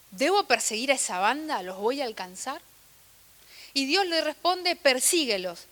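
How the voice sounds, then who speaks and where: A young woman preaching with a Rioplatense Spanish accent, her voice high and bright. She swings her pitch widely and leans hard on key phrases, breaking into friendly asides. It sounds like a lively, personal sermon. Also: big-room sound. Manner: animated, emphatic, sprinkled with asides and laughter.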